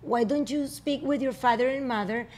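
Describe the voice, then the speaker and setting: Lively woman hosting a chat. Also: sits high. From Venezuela. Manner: lively, mixes in halting English. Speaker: podcast host. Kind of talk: casual chat.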